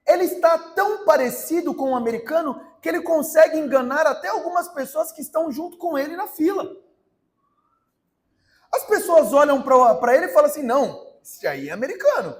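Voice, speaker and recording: Brief: Brazilian preacher, very high voice for a man, direct and urging, storytelling sermon. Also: a little fast. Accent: Brazilian Portuguese. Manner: direct, urging address to listeners.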